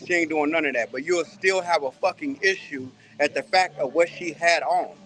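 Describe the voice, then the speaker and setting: A man's voice: a little high, moderate pace, a bit bright. A man earnestly laying out his view at length in a casual debate on a live call-in stream, calling in from a pool hall.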